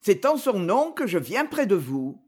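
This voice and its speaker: A man's voice: sits high, big pitch swings, unhurried, darkish tone, slightly rough, full character voice. A man reading a novel aloud, voicing an earnest young magistrate who pleads insistently.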